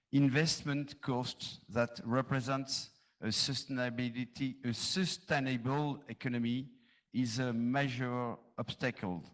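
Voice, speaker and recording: A man from France, a conference panelist, reading prepared answers in careful, slow English. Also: mid-range voice. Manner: slow, careful non-native English, reads aloud.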